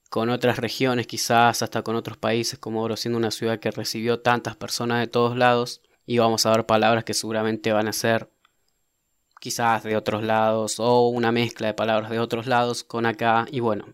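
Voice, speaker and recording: A young man from southern Argentina with a local Argentine accent, chatting quickly about local slang and swallowing his S sounds. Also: on the low side, smooth, dry recording. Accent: Argentine Patagonian Spanish. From Comodoro Rivadavia, Argentina. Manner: fast-talking, drops his S sounds, playful. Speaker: host explaining local slang. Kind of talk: casual explanatory monologue.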